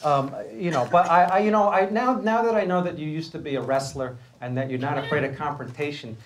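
A middle-aged man hosting a casual onstage interview, halting and stammering, laughing often, speaking into a stand mic in a small hall with an audience. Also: a little high, slight background noise. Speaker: host.

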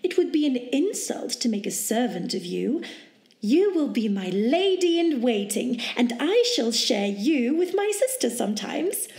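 A woman's voice: high voice, sing-song, measured pace, a little mellow, reverberant, heavily acted. A woman voicing a haughty, bossy teenage girl in a fan audiobook, talking down and giving orders. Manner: condescending and commanding.

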